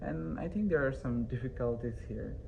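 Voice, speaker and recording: A young man from Bangladesh, not a native English speaker, answers interview questions hesitantly, full of fillers and restarts. His pitch sits in the ordinary middle range for a man. A faint hiss runs under the recording. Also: animated, moderate pace, creaky, phone-quality sound. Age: young adult. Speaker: interview guest, university student.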